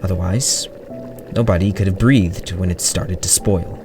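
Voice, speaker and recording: A man reading a horror story aloud in a quiet, measured, hushed way. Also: low voice. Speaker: narrator. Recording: distant mic with soft music.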